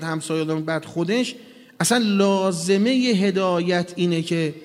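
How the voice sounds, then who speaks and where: A man giving a religious sermon with storytelling, speaking earnestly and addressing his listeners directly. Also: fairly high pitch. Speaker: preacher. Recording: reverberant hall.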